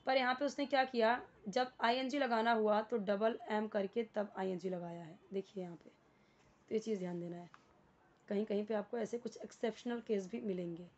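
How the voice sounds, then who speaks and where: A woman's voice: medium pitch, steady tone, normal speed, highs cut off. A woman with an Indian accent teaching beginner English, explaining a worksheet patiently and spelling words out letter by letter.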